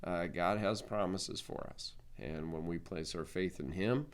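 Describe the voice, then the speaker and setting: A middle-aged pastor giving a casual video update, rambling and halting with many fillers. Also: male voice, sits low, a little hiss or hum. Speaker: pastor, conference leader.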